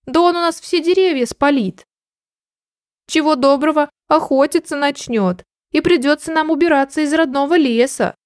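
A woman voices a gloomy, fretful male raccoon who mumbles and worries, sounding tearful. Her high voice is pitched above her own, though close to an everyday voice, and her pace is moderate. The recording is clean studio sound with no room sound.

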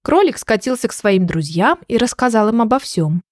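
A woman narrating a children's audiobook in a gentle, measured storytelling voice. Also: a little high, expressive, no echo, studio quality.

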